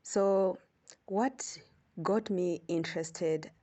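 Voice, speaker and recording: A woman from Uganda, an astronomer, telling her story as a podcast guest in an unhurried, easygoing way. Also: fairly low pitch, warm tone. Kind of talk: podcast interview.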